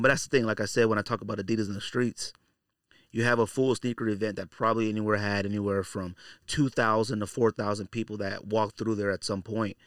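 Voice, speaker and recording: A man hosts a solo podcast, addressing listeners directly in casual, slangy, opinionated speech and repeating phrases for emphasis. His voice is on the low side, a bit bright and smooth, in a dry, clean studio recording.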